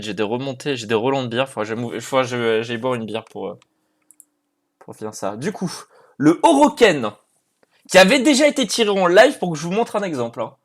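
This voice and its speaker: A man streaming live and running a prize draw, chatting casually and excitably with his viewers by name. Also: medium pitch.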